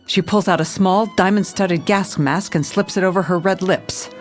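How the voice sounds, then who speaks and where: In a noir audio drama, an actress serves as narrator and lead, a hard-boiled, weary female police commissioner with a wry, clipped delivery. The narration is tense, her voice fairly low with fairly even intonation at a moderate pace, close to an everyday voice, with faint music behind.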